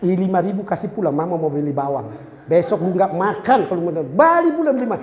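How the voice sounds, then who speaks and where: A man's voice: high-pitched, lively intonation, fast, a little mellow, roomy sound, in a large hall. A man playing a scolding mother as a bit inside a sermon story, in a bossy tone, with his own voice barely changed. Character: nagging mother counting change, woman.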